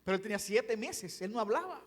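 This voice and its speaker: High-voiced pastor preaching in a hall. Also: male voice, very animated, quick pace. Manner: shifts between quiet storytelling and fervent preaching. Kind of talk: evangelistic sermon. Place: church sanctuary. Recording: long church hall reverb.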